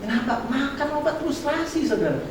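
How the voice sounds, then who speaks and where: A man preaching a casual, lively sermon, slipping English words into his talk. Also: very high-pitched, brisk, noisy background. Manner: animated and colloquial, mixing English words. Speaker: pastor. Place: church hall. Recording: echoey hall, voice from far off.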